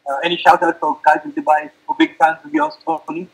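A male reporter with a high, animated voice puts questions in a press interview. His tone is husky and gravelly. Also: fairly quick, rough recording.

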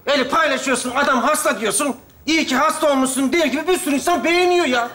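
An actor playing a sarcastic friend who mocks everyone in a sketch comedy. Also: male voice, extremely high pitch, pushed and bright, reverberant, a little hiss or hum. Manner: sarcastic, quick.

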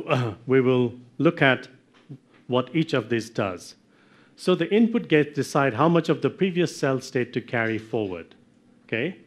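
A middle-aged man giving a technical lecture from slides, often checking in with "okay?" and clearing his throat. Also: mid-range voice. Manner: explanatory, checks in with frequent "okay?". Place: darkened lecture room with projector screen.

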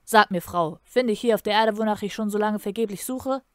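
A woman's voice: medium pitch, brisk, no room sound, close to an everyday voice. Woman putting on a cruel emperor, male, imperious, menacing, dry close audiobook sound. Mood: threatening. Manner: menacing, commanding, bursts into furious shouting.

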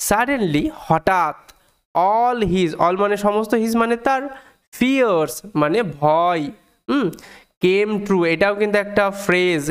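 High, smooth-voiced male teacher. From India. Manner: patient, breaks words down slowly and repeats points. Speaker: English teacher. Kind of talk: explaining a reading lesson.

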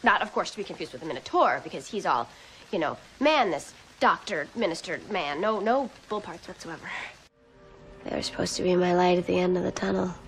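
An actress playing a quippy, flustered young female vampire slayer with an American accent and a halting, rambling delivery in a television drama. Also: lowish voice, lively intonation, a bit bright, faint music behind, low-quality recording. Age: young adult.

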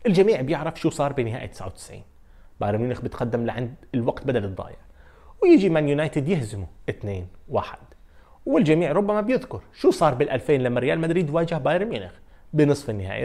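A man with a Levantine Arabic accent hosting a football countdown video, telling the stories in a fast, animated way with frequent fillers. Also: mid-range voice. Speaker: sports video host. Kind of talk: energetic football countdown commentary.

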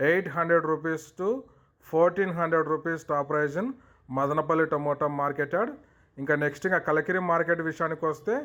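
A man's voice: fairly high pitch, fairly bright tone, lo-fi sound. A man with a South Indian Telugu accent hosting an informational market price report, listing figures methodically in repeated set phrases with some English mixed in.

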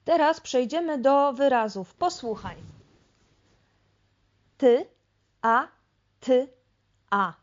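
A woman speech therapist leading a reading lesson, sounding out syllables slowly and deliberately with careful articulation. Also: high-pitched, animated, highs cut off.

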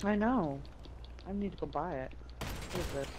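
A woman's voice: fairly low pitch, normal speed, background noise. A young woman from Canada chatting casually while playing a game, laughing often, teasing and swearing freely. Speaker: gamer. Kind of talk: casual gameplay chat.

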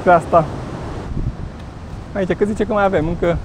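A man vlogging casually while hiking on a forest mountain trail, relaxed and chatty, recorded outdoors on a camera mic. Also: high voice, background noise.

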